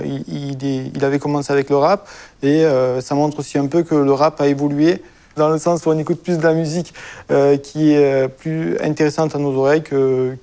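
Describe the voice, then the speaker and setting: A man in his twenties from France, talking haltingly with many fillers in a casual group discussion. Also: a little high, gravelly, warm tone. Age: 20s. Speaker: discussion participant.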